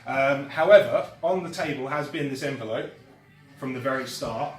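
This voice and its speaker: A man's voice: mid-range voice, normal speed, distant mic. A young man performing magic, talking chattily to his audience with frequent laughs and fillers, recorded from afar in a roomy space with faint music. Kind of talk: live magic performance patter.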